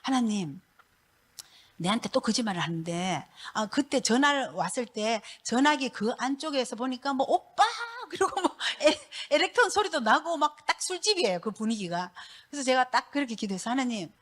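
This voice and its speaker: A middle-aged woman, a pastor's wife giving a church testimony in a lively, laughing storytelling manner. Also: on the high side, a little fast.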